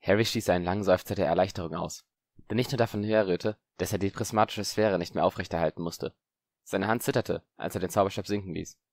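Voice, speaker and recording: A man reading an audiobook in a measured, even narration. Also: low voice, no echo, clean studio sound. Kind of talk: scripted narration.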